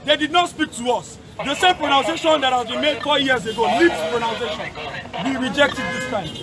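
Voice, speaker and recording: Young man, protest speech, very high voice, emphatic, repeats demands, outdoor street, loud crowd, phone recording. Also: a little fast. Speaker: protest speaker. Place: outdoors on a city street under a bridge.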